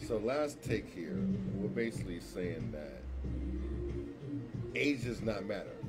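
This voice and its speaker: A man's voice: fairly low pitch, very animated, takes it slowly, loud music behind the voice. A man in his fifties, a guest DJ on a radio talk show, chatting casually, bragging and repeating himself. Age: 50s.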